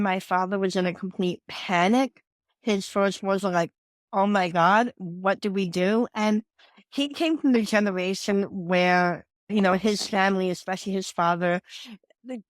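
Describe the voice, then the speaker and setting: On a podcast interview, a confidence coach in her forties shares her story with earnest sincerity, her New York accent clear. Her voice is medium in pitch, the recording dry, and she often begins sentences over again.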